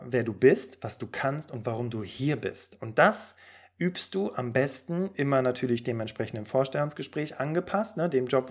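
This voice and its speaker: A man hosting a podcast as a career coach, giving job-interview advice in a lively, direct way with fillers. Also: mid-range voice.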